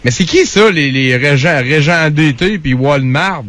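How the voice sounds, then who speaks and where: A man's voice: on the high side, animated, measured pace, fairly bright tone, no room sound. A man in his thirties with a Québécois French accent, hosting a casual radio talk show in a loose, friendly way. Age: 30s. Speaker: radio host.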